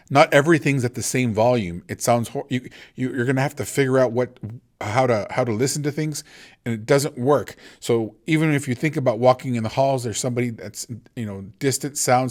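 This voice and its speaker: A man teaching video editing in a casual, rambling way, thinking aloud and often restarting his sentences. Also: mid-range voice. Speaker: instructor. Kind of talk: screen-recorded video editing tutorial.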